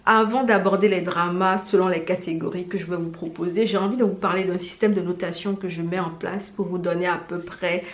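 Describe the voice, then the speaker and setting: A woman vlogger chatting casually in an animated, slangy, self-mocking way as she gives recommendations. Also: on the low side, brisk, few pauses. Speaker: vlogger presenting drama recommendations. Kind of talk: casual chat to camera. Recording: roomy indoor echo.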